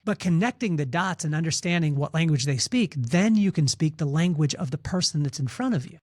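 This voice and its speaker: A man with a fairly high voice speaks as a podcast guest. He talks through his points in an animated, storytelling way, repeating words as he goes and acting out what other people said. The sound is close and dry. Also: fairly quick, dry recording. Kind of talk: conversational storytelling interview.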